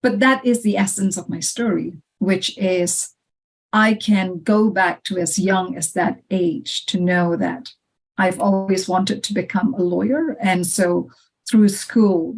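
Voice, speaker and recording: A middle-aged Malaysian woman, head of legal, appears as a podcast guest and tells her story reflectively and conversationally, often saying "you know." Her medium-pitched voice has a darkish tone, and the recording is rough.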